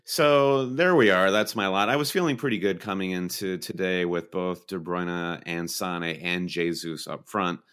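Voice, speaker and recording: Male podcast co-host, very deep voice, rambling and animated, casual fantasy football chat. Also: normal speed, hardly any pauses, smooth.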